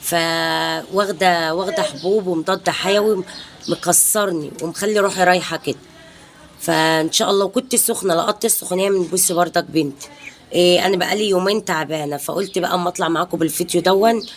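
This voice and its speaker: Speaking fast in a fairly low voice, this Egyptian Arabic-accented woman in her thirties vlogs casually from her balcony at home. As a mother talking to her followers, she wanders between topics and keeps adding pious blessings.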